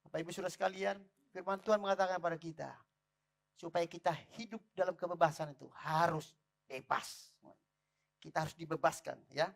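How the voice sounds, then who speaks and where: Male pastor, a bit high-pitched, lively church sermon. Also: a little fast, vocal fry. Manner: lively preaching, calls out to the congregation.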